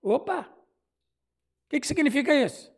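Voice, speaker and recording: A man's voice: extremely high pitch, moderate pace. A man with a Brazilian Portuguese accent, a pastor giving a Bible study sermon, telling stories and acting out the dialogue with laughs. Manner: animated storyteller who acts out dialogue and laughs often.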